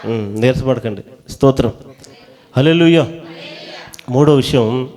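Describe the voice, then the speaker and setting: A man preaching a sermon in a church hall, pressing the congregation to call back their answers loudly. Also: mid-range voice, a little slow.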